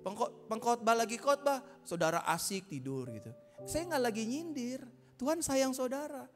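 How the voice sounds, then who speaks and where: A man preaches a lively, joking sermon, dropping English phrases into his talk and climbing into loud, high exhortations. His voice sits high for a man. The sound carries the long reverb of a church auditorium, with instrumental music playing clearly beneath him. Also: normal speed. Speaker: pastor. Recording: hall reverb with music behind.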